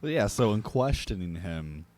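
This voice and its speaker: A man's voice: fairly low pitch, very animated, measured pace, darkish tone, dry recording. A man co-hosting a podcast in casual chat, chiming in with wry joking asides. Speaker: podcast co-host.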